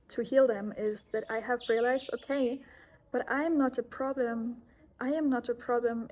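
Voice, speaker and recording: A young woman with a German accent speaks in a heartfelt personal monologue, earnest and gentle, often restarting her phrases. Her voice sits somewhat high. A faint hum of room ambience lies underneath. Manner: earnest, heartfelt, self-correcting. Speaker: yoga teacher and vlogger.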